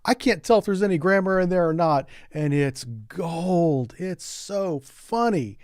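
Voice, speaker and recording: Middle-aged man from the US, game streamer, higher-pitched voice, dry close sound, rambling jokey delivery. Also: lively intonation, a little slow, darkish tone, no echo. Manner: joking, rambling, repeats words. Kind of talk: casual gameplay commentary.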